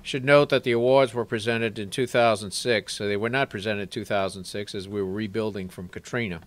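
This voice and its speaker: A man's voice: on the low side, steady tone, fairly quick. A man announcing awards at a press conference, reading formally from notes and stumbling now and then. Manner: reads from a script, stumbles over words.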